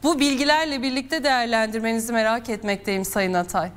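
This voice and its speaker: A woman news anchor presenting and interviewing in a formal, measured way, addressing her guest politely. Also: a little high, fairly even intonation.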